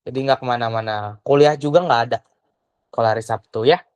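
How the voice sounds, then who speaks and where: A young woman working as a private tutor teaches a child in an online lesson, her voice rumbling low, a little fast and darkish, smooth but muffled, with no room sound. She's patient, asks many questions, and often trails off with a casual "gitu."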